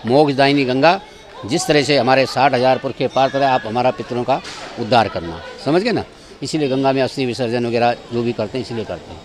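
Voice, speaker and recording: A man's voice: mid-range voice, a little fast. A man giving a guided tour of temple grounds outdoors, directive as he keeps pointing things out to his visitors.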